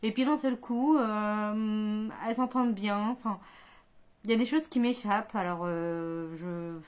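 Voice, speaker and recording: Book vlogger, woman, mid-range voice, rambling and halting, chatty home recording. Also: mid-range voice. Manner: hesitant, many fillers and restarts; chatty, thinking aloud. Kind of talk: casual chat.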